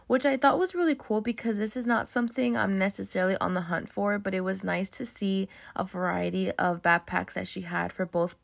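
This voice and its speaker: A young woman talks through a shop-with-me voice-over for her doll-collecting channel. She sounds chatty and enthusiastic, dropping casual slang. Her voice sits in a middling pitch. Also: vocal fry.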